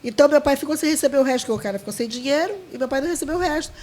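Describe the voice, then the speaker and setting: High-voiced woman. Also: rapid-fire, darkish tone. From Maranhão, Brazil. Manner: heartfelt, full of restarts and quoted dialogue. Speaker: guest, leader of a folk dance group. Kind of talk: emotional storytelling.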